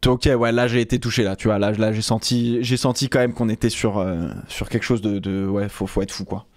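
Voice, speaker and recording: A man's voice: on the low side, steady tone, brisk, dry recording. A man chatting casually on a live stream, rambling with many fillers and restarts.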